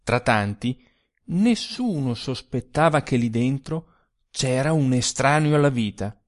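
A man narrating a literary story in a slow, expressive storytelling manner. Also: mid-range voice.

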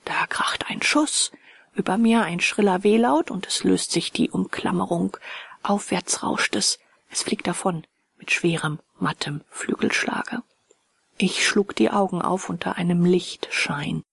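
A woman narrating a dramatic story aloud, often dropping to a hushed whisper. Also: on the low side, unhurried, gravelly, husky, no echo. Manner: dramatic, shifts between hushed whisper and raised calls. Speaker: audiobook reader.

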